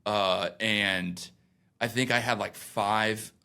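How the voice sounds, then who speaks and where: A man's voice: on the low side, fairly even intonation, slow pace, vocal fry, bright, forceful tone, clear, resonant tone. A young man, a founder being interviewed, talking in a loose and rambling way with many fillers and restarts. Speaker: founder, guest. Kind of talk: casual podcast interview.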